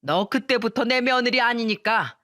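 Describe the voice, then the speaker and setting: A woman's voice: on the high side, animated, moderate pace, pushed and bright, no echo, studio quality, voice pushed up. Woman voicing a harsh, scornful mother-in-law. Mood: scolding. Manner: contemptuous, insulting, bossy.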